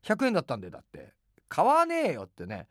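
Animated, fast-talking middle-aged man. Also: no echo, clean studio sound. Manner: animated, acts out quoted dialogue with big pitch jumps; rough casual speech with many fillers. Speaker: radio host. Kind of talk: casual rambling anecdotes.

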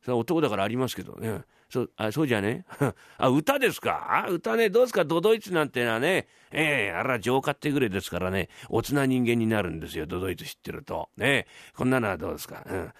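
A man voicing a blunt, warm-hearted common townsman who speaks coarse old Tokyo downtown street talk in a rakugo storytelling. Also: medium pitch, sing-song, fast, few pauses, no room sound, studio quality. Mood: jolly. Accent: old Tokyo downtown speech.

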